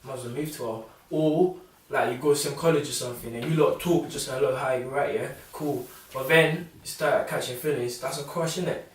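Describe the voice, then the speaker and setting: A man's voice: mid-range voice, fairly quick. A nineteen-year-old man with a London accent, talking in a slangy, playful way on a teen panel. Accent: London English. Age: teens. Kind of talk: casual panel discussion. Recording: echoey room, distant mic.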